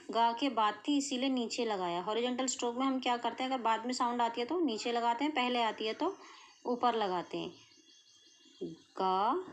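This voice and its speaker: An Indian woman teaching shorthand step by step, patiently checking that her students follow. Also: on the high side. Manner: patient, checks in often with "clear?" and "okay". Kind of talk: explaining a lesson step by step.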